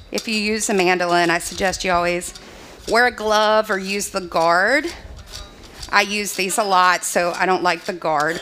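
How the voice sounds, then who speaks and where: A woman's voice: medium pitch, sharp tone, slight background noise. A young adult woman chef, giving a live cooking demonstration in a chatty way with many fillers. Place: open screened dining hall.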